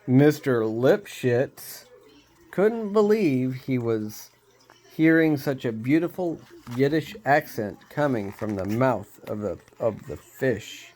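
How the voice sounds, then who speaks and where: A man reading a storybook aloud, unhurried, with small slips he laughs off. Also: mid-range voice, lively intonation, a little mellow.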